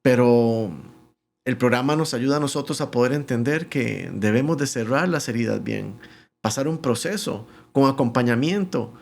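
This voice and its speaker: A man's voice: medium pitch, gravelly. A middle-aged male pastor, a guest on a podcast, telling his life story and acting out the voices of the people in it. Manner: animated storyteller who acts out the voices in his anecdotes. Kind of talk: telling a personal testimony.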